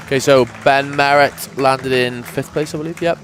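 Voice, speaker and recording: A man's voice: mid-range voice, steady tone, moderate pace, fairly bright tone, some chatter behind. Dry-humoured man co-hosting a stream. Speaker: livestream co-host. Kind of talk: casual live commentary. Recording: music playing behind.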